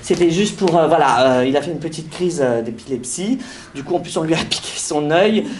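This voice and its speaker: A man's voice: a little high, animated, brisk, darkish tone, a little hiss or hum, pitched below the performer's own voice, lightly acted. A man playing a flustered new schoolteacher lady. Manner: flustered, stammering, many hesitations. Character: nervous young female schoolteacher, first day. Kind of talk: stage improvisation. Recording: roomy stage with live audience.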